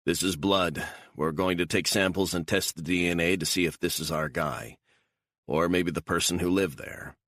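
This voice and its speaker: A man voicing a gruff intelligence officer who speaks bluntly and matter-of-factly. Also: low voice, moderate pace, a bit bright, dry recording, clean studio sound.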